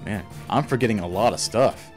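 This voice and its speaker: A man's voice: fairly low pitch, brisk. A young man streaming a video game, chatting casually and saying "man" and "like" a lot. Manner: laid-back, chatty, says "man" and "like" a lot. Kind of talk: casual gameplay commentary. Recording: faint game music behind.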